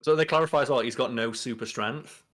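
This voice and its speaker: A man in his thirties, co-hosting a casual podcast, explains pop culture in an emphatic, sweary way. His voice is medium-pitched, fast and a bit bright, and the talk is loose banter.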